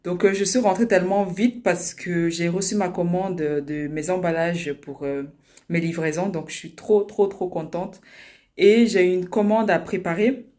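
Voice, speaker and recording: A young woman chatting casually in a vlog, excitable and full of fillers and repeated words as she unpacks her orders. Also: on the low side, a little slow. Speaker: small-business vlogger. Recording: echoey room with loud rustling noise. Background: crinkling packaging and clicks.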